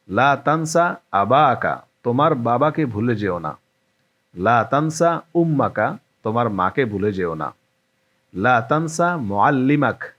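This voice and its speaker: A man's voice: medium pitch, a bit bright, highs cut off. A man teaching an Arabic language lesson, patiently repeating each phrase and its translation.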